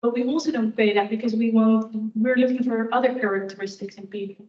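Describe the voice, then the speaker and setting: A woman's voice: fairly high pitch, fairly even intonation, quick pace, mellow. A woman guest speaker answering audience questions in a candid, reflective way. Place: university lecture hall. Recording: echoey hall, distant dull room mic.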